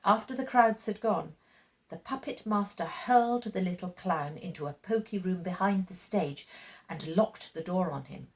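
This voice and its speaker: A storyteller reads a children's tale aloud, her fairly low-pitched voice dramatic and expressive. She phrases things deliberately and leaves pauses.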